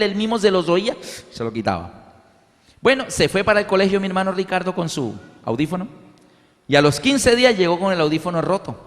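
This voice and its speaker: A man from Colombia preaching a sermon, telling a family story and acting out the voices in it. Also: fairly high pitch. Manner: animated storytelling, acts out voices. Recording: reverberant hall.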